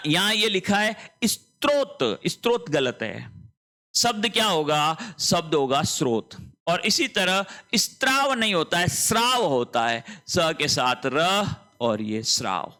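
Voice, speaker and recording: Slow, lively man teaching spelling. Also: on the high side. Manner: explains slowly, repeats words, checks understanding. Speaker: Hindi teacher. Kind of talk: online exam-prep lesson.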